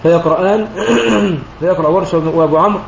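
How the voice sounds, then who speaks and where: A high-pitched man speaks quickly as a sheikh teaching Quranic recitation, explaining a poem line by line. His voice sounds roomy and dull, like lo-fi online voice chat with faint noise behind it. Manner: methodical, often pauses to clear his throat and correct himself.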